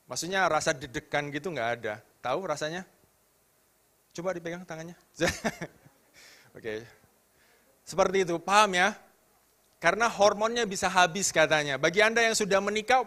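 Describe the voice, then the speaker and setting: A man in his thirties preaching to a youth congregation, animated, asking the crowd questions. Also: fairly high pitch. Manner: animated, rising to loud emphatic questions, drops to soft tender tones. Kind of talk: sermon to youth.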